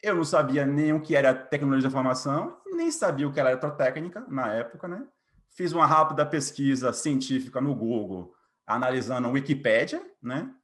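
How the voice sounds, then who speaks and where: Speaking briskly at a medium pitch, this late-twenties man, a software developer with a Bahian Brazilian accent, shares his story informally as an interview guest. The conversation is a casual personal-story interview, and he frequently adds small tag questions.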